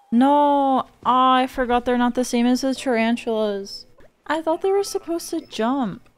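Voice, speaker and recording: A woman's voice: fairly high pitch, normal speed. A young woman casually commenting on her gameplay, chatty and easily spooked, with gasps and giggles. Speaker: gaming streamer. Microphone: studio dynamic mic.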